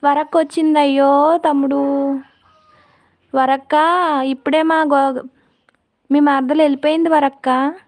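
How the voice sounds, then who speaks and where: A woman's voice: high voice, level tone, a little slow, long pauses, darkish tone. A woman hosting a casual live stream, chatting with viewers and answering their comments by name.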